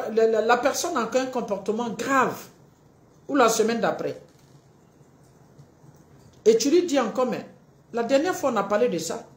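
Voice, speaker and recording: A woman coach talks through a live stream in a fairly high voice. Her pitch jumps around a lot as she acts out quarrels between partners, and her voice rings in an echoey room. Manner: animated, acts out both partners in quick little dialogues. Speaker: relationship coach.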